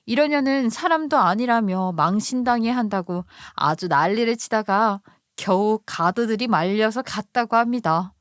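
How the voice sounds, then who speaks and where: A woman's voice: fairly high pitch, dry recording. Indignant woman telling a story, dry sound. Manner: emotional first-person telling, indignant. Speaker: narrator of a listener's story. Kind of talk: Korean story radio narration.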